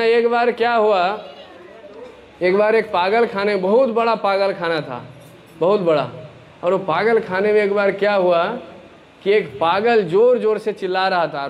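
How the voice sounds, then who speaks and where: A man preaching a sermon to an audience, animated and full of questions, acting out the characters of his story. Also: high voice, a little hiss or hum.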